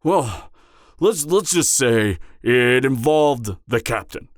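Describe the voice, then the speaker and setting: In an intimate fantasy audio roleplay, a man voices an anxious, awkward, slightly drunk part-giant mercenary who is troubled and conflicted. He speaks slowly and expressively in a mid-range voice, hesitating, stammering, sighing and trailing off. The studio-quality recording has no echo.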